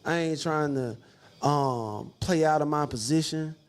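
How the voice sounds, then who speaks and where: Man, 30s, high-pitched, casual slangy chat, swears a lot. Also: takes it slowly. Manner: laid-back, slangy, swears freely, many fillers. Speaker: podcast panelist.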